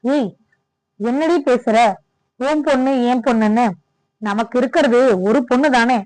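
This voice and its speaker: A woman's voice: fairly high pitch, a little slow, darkish tone, no room sound, close to an everyday voice, rough recording. A woman doing curt, dismissive middle-aged father. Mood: irritated.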